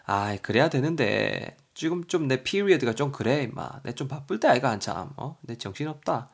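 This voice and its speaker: Imagine a man reading the part of a sheepish young Gyeongsang fellow who mutters excuses about being too busy. The voice is husky and plain, read aloud in a storybook style for a lesson. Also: mid-range voice, animated, normal speed. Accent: Gyeongsang dialect. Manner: grumbling, excuse-making.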